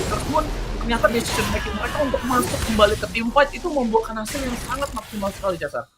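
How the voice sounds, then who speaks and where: High-pitched, fast Indonesian male game announcer. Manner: slangy, mixes English gaming terms into his calls. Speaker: esports commentator, play-by-play caster. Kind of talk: excited fighting-game announcer style commentary.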